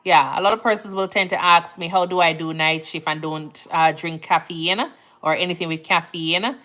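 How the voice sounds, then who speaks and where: Speaking at a normal speed in a lowish voice, a woman from Jamaica hosts a nurse livestream, chatting casually and reading aloud comments from her viewers. Her Jamaican accent and phrasing show, and she's laid-back, chatty, and quick to laugh.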